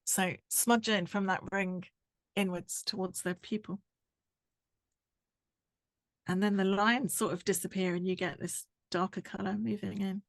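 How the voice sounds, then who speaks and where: A woman, explaining a drawing tutorial step by step while she works, her voice going hoarse. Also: mid-range voice, steady tone, a little slow, pauses often, dry recording, clean studio sound. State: losing her voice. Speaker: art tutor.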